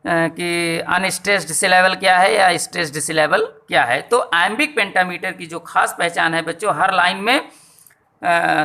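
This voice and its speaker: A man teaching a lesson on poetic meter to students, explaining slowly and repeating each point. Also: sits high, pushed and bright. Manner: slow, repetitive explaining to students. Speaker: English teacher. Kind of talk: classroom lesson on poetry meter.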